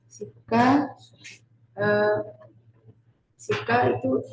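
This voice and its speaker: A teenage girl giving a class presentation, hesitant with many pauses and fillers, recorded in a classroom. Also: fairly high pitch, fairly even intonation. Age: teens. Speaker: student presenter. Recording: echoey classroom.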